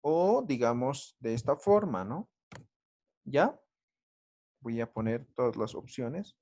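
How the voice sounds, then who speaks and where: A man's voice: mid-range voice, sing-song, slow, a little mellow, muffled recording. A man teaching a language lesson in an online class, patient and explanatory, often checking in with his students with short tag questions. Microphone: video call.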